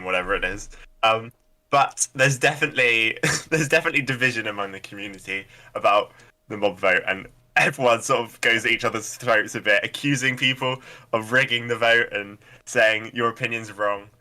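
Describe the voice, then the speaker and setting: Bright-voiced man, wry podcast guest. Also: fairly low pitch, brisk. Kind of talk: casual podcast chat.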